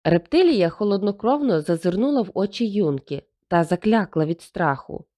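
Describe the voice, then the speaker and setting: A woman narrating a fantasy fairy tale in an expressive storytelling manner, recorded on a close studio mic. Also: mid-range voice, moderate pace. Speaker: audiobook narrator. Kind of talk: scripted narration.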